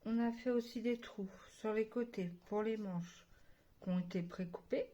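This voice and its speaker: A woman's voice: medium pitch, normal speed, mellow, lo-fi sound. A woman with a Spanish accent who hosts a casual doll unboxing and craft tutorial, chatty and enthusiastic and dropping in English words. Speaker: doll customizing vlogger.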